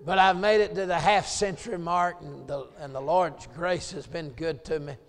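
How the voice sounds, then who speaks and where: At normal speed, a gravelly Southern preacher in his late forties, a bit higher-pitched than most men, gives a revival sermon in a church sanctuary. Low, conversational asides alternate with loud scripture hollered out. His voice echoes long through the church.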